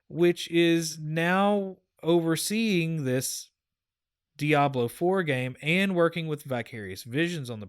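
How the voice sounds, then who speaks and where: A man's voice: high voice, a bit bright. A man hosting a gaming podcast, talking in a rambling, chatty way with frequent fillers. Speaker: podcast host. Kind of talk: casual chat.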